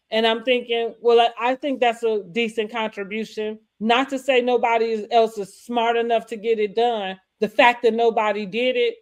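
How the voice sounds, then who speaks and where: A woman with a fairly high voice chats casually as co-host of a TV recap show. She gives her opinions in a rambling way, often circling back to restate a point mid-sentence.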